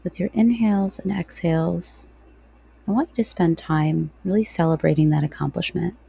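Soft, slow woman guiding meditation, dark voice. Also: on the low side, vocal fry, husky, no echo. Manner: soft, slow, soothing delivery with long pauses. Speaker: podcast host. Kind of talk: guided breathing meditation.

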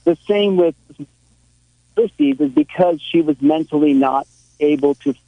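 A man calling in to a radio talk show, and his phone audio keeps glitching and dropping out as he speaks haltingly. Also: a little high, very animated, vocal fry, dry recording, narrow, tinny audio. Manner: halting, repeats words as the line drops. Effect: glitching phone audio that keeps cutting out. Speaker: caller. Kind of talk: call-in radio chat.

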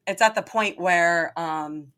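Chatty woman with a bright voice. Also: lowish voice, slow. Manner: filler-heavy, lots of "like", laughs easily. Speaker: podcast co-host. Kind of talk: casual chat recapping a movie.

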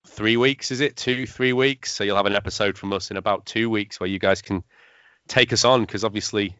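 A man co-hosting a podcast in casual chat, wry and animated as he tells stories. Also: fairly low pitch, a little fast, smooth, no echo. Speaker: podcast co-host. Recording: dry, slightly muffled.

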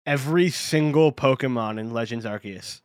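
An excitable young man hosting a casual podcast with his friend. His voice sits in a middle pitch and often leaps up when he jokes. The sound is dry and close. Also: moderate pace, dry recording. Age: young adult. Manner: excitable, jumps high in pitch when joking. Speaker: podcast host. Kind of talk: casual chat.

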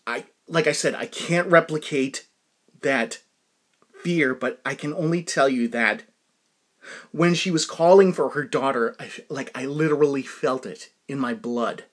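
A man telling a personal anecdote in a casual, rambling way, full of restarts and asides to his listeners. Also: on the high side. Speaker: storyteller.

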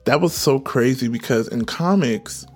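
A man's voice: medium pitch, measured pace. A man hosting a casual solo podcast, talking in a playful, rambling, slangy way with music behind him. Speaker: podcast host.

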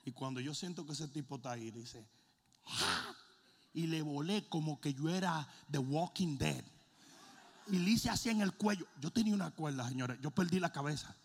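A middle-aged man, a pastor, preaching a sermon with a comic story, animated, swinging from low asides to shouting and mixing in English words. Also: moderate pace, breathy edge, long reverb tail.

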